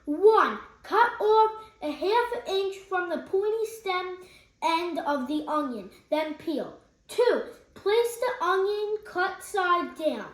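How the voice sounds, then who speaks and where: Very high-voiced young helper in an echoey kitchen. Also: female voice, lively intonation, takes it slowly. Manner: reads recipe notes aloud, upbeat and agreeable. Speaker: cooking helper and co-host. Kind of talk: casual cooking chat. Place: home kitchen.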